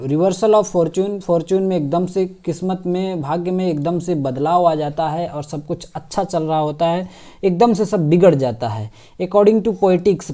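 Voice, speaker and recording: A man teaching an exam-prep lesson, reading English questions slowly and explaining them in Hindi, often checking in with his listeners. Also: high voice, warm tone. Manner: frequent "ठीक है" and "है ना" check-ins.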